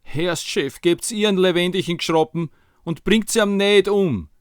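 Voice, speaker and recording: A man plays a quarrelling mother from a story told in Viennese dialect. She argues emphatically and colloquially before a king. The voice is lifted in pitch, in a dry recording. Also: lively intonation, a little fast, a bit bright, smooth, dry recording. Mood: pleading. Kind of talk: acted dialogue in dialect storytelling.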